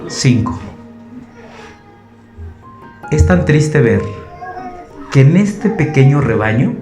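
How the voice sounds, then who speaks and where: A man with a Mexican accent preaching a sermon, animated and addressing the congregation as brothers. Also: medium pitch, takes it slowly. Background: guitar music.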